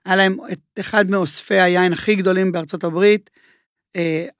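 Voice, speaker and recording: A man talking as a chef guest in a casual interview. He tells his stories in an animated way and uses a lot of filler words. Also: high voice, no room sound, studio quality. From Israel.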